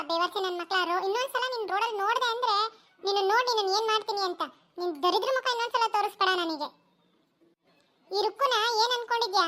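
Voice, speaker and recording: A fiery young village woman, voiced by a woman, with a piercing high voice. She scolds in rapid, cutting bursts. Cartoon voice acting. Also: a bit bright. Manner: scolding, abusive outbursts.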